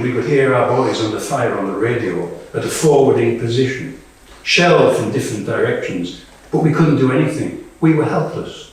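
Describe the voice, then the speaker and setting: At a small indoor live reading, a male actor with a medium-pitched voice performs a dramatic monologue as a candid, war-weary woman soldier. His phrasing is deliberate and emphatic, with pauses, and the distant microphone picks up an echoey room.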